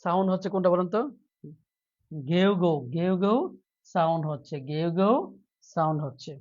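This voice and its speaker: A man's voice: high-pitched, fairly even intonation, normal speed, a little mellow, lo-fi sound. A male teacher giving a live online lesson, quizzing his students by repeating questions and urging them to answer. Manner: playful, acts out a mock plea before teaching, quizzes students with repeated questions.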